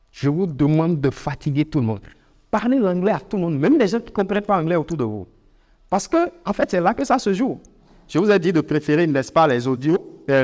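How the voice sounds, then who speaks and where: Animated African French man teaching, with reverb. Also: on the high side. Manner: animated, repeats words for emphasis, many fillers. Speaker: English teacher. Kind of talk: informal spoken lesson.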